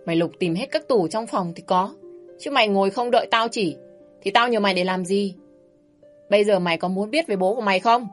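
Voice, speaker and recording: A woman voicing a loud, bossy, nagging middle-aged mother who scolds her grown daughter coarsely. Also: mid-range voice, fairly quick, faint music behind, natural voice. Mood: scolding.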